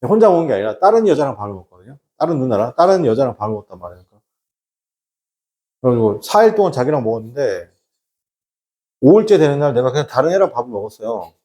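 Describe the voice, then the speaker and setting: A man teaching a class in a relaxed, conversational way, putting questions to himself and answering them. His pitch sits in a middle range but swings freely up and down. He acts out the lines he quotes. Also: quick pace, pauses often. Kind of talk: lecture with a personal anecdote.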